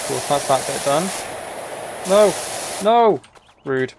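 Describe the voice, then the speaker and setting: Fairly high-pitched and animated, this man speaks slowly against some background noise. It's a video game livestream where he chats casually and thinks out loud in a meandering way.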